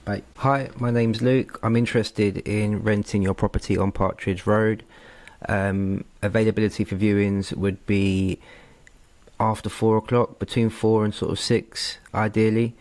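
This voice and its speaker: A man's voice: on the low side, level tone, measured pace, a little mellow, no echo. Man leaving a casual voicemail. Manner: casual and friendly, with frequent "um" hesitations. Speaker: rent-to-rent property business owner.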